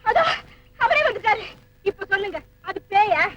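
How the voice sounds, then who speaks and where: A woman's voice: very high-pitched, animated, moderate pace, fairly bright tone, highs cut off. An actress playing an earnest, easily upset young woman in a film comedy, pleading and tearful. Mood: worried. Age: young adult.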